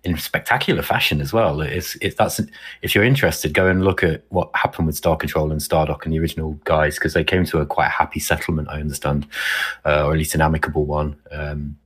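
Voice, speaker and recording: Husky low man on a podcast. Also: steady tone, fast talker, fairly bright tone. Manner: hesitant, many ums and repeats. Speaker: podcast co-host. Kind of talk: casual chat.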